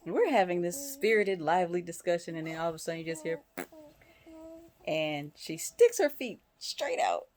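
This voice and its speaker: A woman vlogging at home as a new parent, retelling a messy moment in an animated, incredulous way. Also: on the low side, moderate pace. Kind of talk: casual vlog storytelling. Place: home, bathroom sink and nursery.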